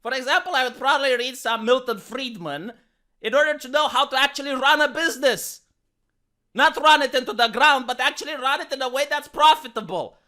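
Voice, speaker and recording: A man's voice: extremely high pitch, brisk, sharp tone. A YouTuber man ranting in sarcastic, indignant commentary, often repeating words as he gets worked up.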